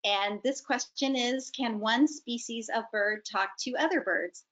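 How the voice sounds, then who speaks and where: On a video call from indoors, a middle-aged woman relays audience questions as a casual host. She speaks at a measured pace in a highish, somewhat bright voice, through dull, lo-fi computer audio.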